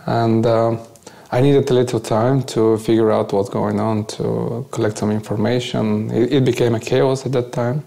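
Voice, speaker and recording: A Bulgarian man with a Bulgarian accent gives a halting, conversational first-person account as an interview guest. His mid-range voice is flat and dark, with vocal fry.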